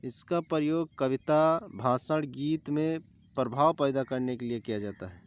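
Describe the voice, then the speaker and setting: A man's voice: mid-range voice, measured pace, clean tone. A man teaching an exam-prep grammar lesson, explaining step by step and repeating key terms with lists of examples.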